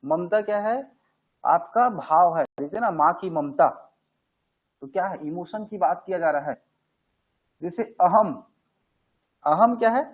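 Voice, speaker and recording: A man teaches a grammar class. His voice sits high for a man and has a husky edge. He keeps it conversational, putting questions to the class and answering them himself. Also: unhurried, pauses often, highs cut off.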